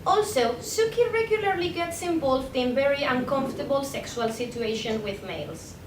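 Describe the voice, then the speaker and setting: In an indoor conference room, a young Spanish woman presents her doctoral paper by reading a prepared script at a moderate pace, animated yet careful, now and then stumbling and correcting herself. The mic is distant, the room echoes, and a faint rumbling noise runs underneath.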